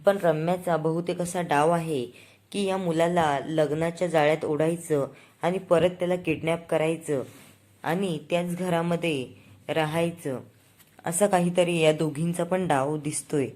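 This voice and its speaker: Woman recap narrator, chatty and casual, lowish pitch. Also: fairly even intonation, unhurried, darkish tone. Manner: chatty, storytelling. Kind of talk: casual plot retelling.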